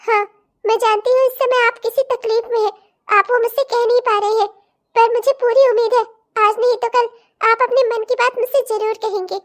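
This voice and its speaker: A woman voicing a patient, devoted young wife in a cartoon drama, pleading and gently insistent. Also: very high voice, fairly even intonation, moderate pace. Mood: earnest. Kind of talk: cartoon voice acting.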